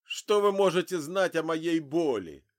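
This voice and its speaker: A man's voice: a little high, very animated, measured pace, no echo, studio quality, pitched above the performer's own voice. A man doing a furious drunk grieving father. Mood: enraged. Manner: shouting, raging.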